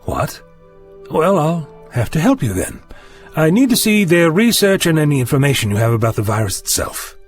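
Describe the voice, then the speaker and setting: A man playing the Doctor, lively, eccentric time-travelling gentleman. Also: on the high side, normal speed, soft background music. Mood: concerned, insistent. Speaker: lead actor in audio drama. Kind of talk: audio drama acting.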